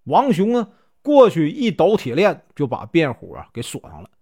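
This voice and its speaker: A man with a Northeastern Chinese accent telling a traditional story in a chatty, lively way. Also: on the high side, normal speed, breathy edge. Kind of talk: storytelling narration.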